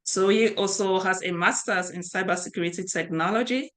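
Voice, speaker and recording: A woman's voice: medium pitch, brisk, fairly bright tone. A middle-aged woman from Cameroon, a cybersecurity instructor presenting an online training session over a video call, talking conversationally with fillers and restarts. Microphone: webcam video call.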